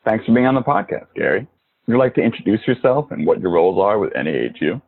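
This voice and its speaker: A male podcast host reading formal questions, recorded at home and heard over a low-quality remote audio stream. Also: sing-song, quick pace, gravelly, slightly rough, narrow, tinny audio. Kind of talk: reading a scripted introduction and interview questions. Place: recording from his own home.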